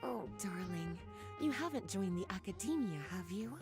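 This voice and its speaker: A woman's voice: medium pitch, lively intonation, normal speed, over music, close to an everyday voice. [name], a woman as a sultry, teasing scholar. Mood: playful, fond.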